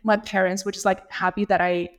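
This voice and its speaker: Woman from lithuania, thirties, interview guest, thoughtful, unhurried. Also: medium pitch, flat delivery. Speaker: guest, operations leader. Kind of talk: casual interview.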